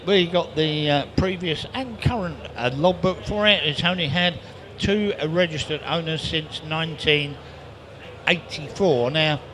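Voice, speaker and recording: A man's voice: on the high side, fairly bright tone. A man with an English accent working as an auctioneer, giving a live auction patter with repetitive bid calls and chatty asides. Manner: rapid repetitive calling of bids, chatty asides. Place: live car auction, amplified to bidders. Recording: live auction sound with clear background noise.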